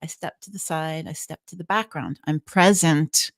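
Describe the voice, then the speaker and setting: As an interview guest, a trance channeler explains things conversationally, using earnest, emphatic short phrases. Her voice sits low and moves at a moderate pace, captured in a dry, clean studio recording.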